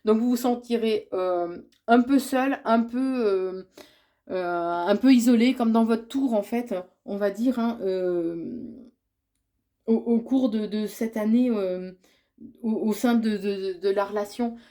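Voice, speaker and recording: A woman tarot reader with a cold, sounding congested, gives a yearly horoscope reading in a mid-range, dark-toned voice, taking it slowly. She hesitates, uses lots of fillers and restarts, and relays what she says she is being told, as if receiving messages.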